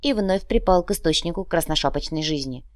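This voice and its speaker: Low-voiced woman narrating an audiobook. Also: a little fast, darkish tone, no echo, studio quality.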